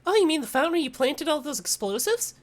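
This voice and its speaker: A woman voicing a sleepy, sarcastic young boy in an improvised game voice-over, speaking slowly and swearing freely. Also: sits high, sing-song, no room sound, pitched above the performer's own voice. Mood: exasperated. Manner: slow, sardonic, swears freely.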